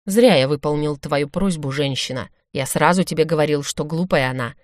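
A grave male orc shaman, as a woman reading aloud puts him on, answers curtly and firmly in broken phrases. The voice sits fairly low, and the recording is dry and close. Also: moderate pace, no room sound, lightly acted. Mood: stern. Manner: curt, firm, broken phrasing.

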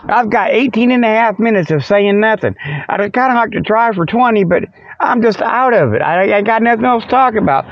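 Brisk, high-pitched and lively in intonation, an American man hosts a comic Sasquatch show with a meandering, folksy monologue and plenty of joking asides. No room sound is audible; the recording is close, dry and has a dull lo-fi radio quality.

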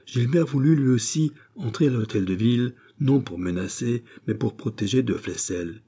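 A man narrating a classic novel as an audiobook in a measured, dramatic reading. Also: medium pitch, dark tone, slightly rough.

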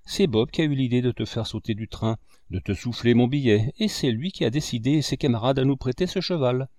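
A man's voice: mid-range voice, brisk, a little mellow, dry recording, clean studio sound, close to an everyday voice. A man voicing a loyal, eager young boy in an audiobook, talking earnestly to his friend.

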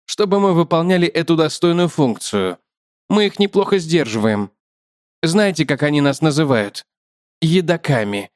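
A courteous little spider, as a male reader puts him on, talking in a lifted, higher voice with a matter-of-fact, lecturing manner. The storybook creature sounds close and dry, with no room around him. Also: expressive, normal speed, dry recording, lightly acted. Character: polite chatty male spider, a small biter.

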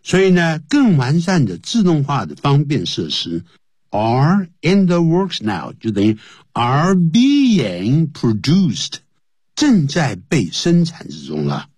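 A man's voice: fairly high pitch, huge pitch swings, slow, a little mellow, husky, dry recording. A man teaching English on the radio, explaining phrases in Chinese and spelling words out letter by letter.

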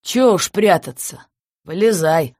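A woman's voice: lowish voice, moderate pace, a little mellow, no echo, clean studio sound. A woman voicing a cheating middle-aged officer, cold and scheming, who speaks curtly and dismissively. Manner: curt, dismissive.

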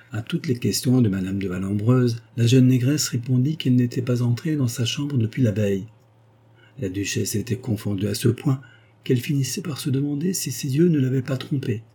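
A man narrating a classic novel as an audiobook, in a measured, dramatic reading. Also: medium pitch, mellow, breathy edge. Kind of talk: scripted narration.

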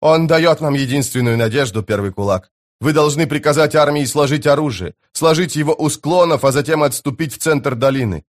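A man's voice: fairly high pitch, voice pushed up, natural voice. A man voicing a sly, scheming male priest who draws out his words and hisses accusations, in an audiobook. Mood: persuasive. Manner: hissing, drawn-out accusations.

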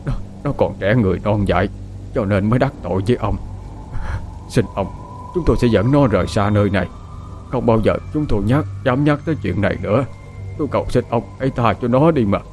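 A man's voice: on the low side, fairly quick, darkish tone, faint music behind, natural voice. A man voicing a frail old father who pleads brokenly in a storybook tale. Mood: begging.

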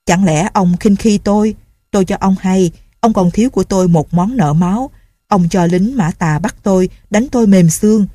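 A woman's voice: medium pitch, normal speed, warm tone, dry recording, studio quality, natural voice. A woman voicing a boastful, taunting old male bandit chief in a told story. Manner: taunting and mocking.

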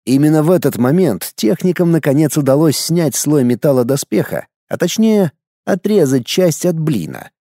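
A male audiobook narrator telling the story in a measured, expressive way, with a lively, rising and falling melody. His voice is mid-pitched with a dark, mellow tone, and the recording is dry and close. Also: no room sound.

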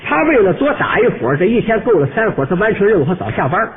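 A man performing a comic monologue, telling the story with lively, pointed asides to the audience. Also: high-pitched, racing. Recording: tinny old radio recording with faint hiss.

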